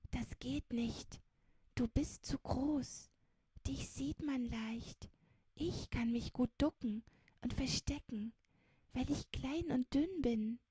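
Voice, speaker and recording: A small, thin child whispers anxiously in a storybook audiobook, voiced by a woman. The voice sits high and breathy, hushed and trembling with worry. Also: slow, no echo, exaggerated voice. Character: small thin frightened child, tender-hearted.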